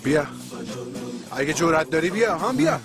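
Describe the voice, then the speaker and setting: A man's voice: fairly high pitch, big pitch swings, over music. A man dubbing a belligerent young male thug who speaks in a provoking way. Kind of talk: dubbed TV drama dialogue.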